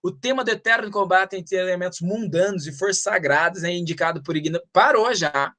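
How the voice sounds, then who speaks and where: A man's voice: high voice, a little hiss or hum. A middle-aged man with a Brazilian accent teaching a literature lesson, reading verse aloud and drawing out syllables as he counts the meter. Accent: Brazilian Portuguese. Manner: animated, drawn-out syllables when reading verse. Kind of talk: literature lesson for exam prep.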